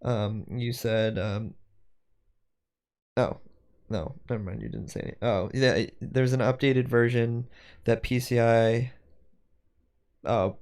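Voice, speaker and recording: Gravelly man thinking aloud on stream. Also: mid-range voice, steady tone, takes it slowly, long pauses, darkish tone. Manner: rambling, self-correcting, thinking aloud. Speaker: streamer doing 3D design. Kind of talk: casual livestream chat while working.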